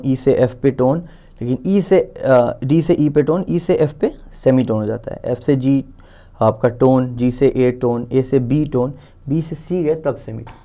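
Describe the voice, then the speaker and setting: An Indian-accented man gives a relaxed music theory lesson, thinking aloud as he writes and counting out each step. His voice sits at a middle pitch with a warm, mellow tone. He pauses to correct himself now and then. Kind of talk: casual explanatory lesson while writing.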